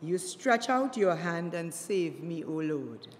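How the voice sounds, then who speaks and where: A woman's voice: fairly low pitch, lively intonation, slow. An elderly woman in her seventies reading scripture solemnly as a lector, in an echoing church. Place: inside a church. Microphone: microphone on lectern stand. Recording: church reverb with clear background noise.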